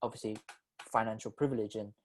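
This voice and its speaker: A man's voice: fairly low pitch, steady tone, quick pace, slight background noise. Slangy man in his twenties chatting. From Philippines. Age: 20s. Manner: loose slangy banter, earnest when serious. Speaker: podcast host. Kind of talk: casual chat.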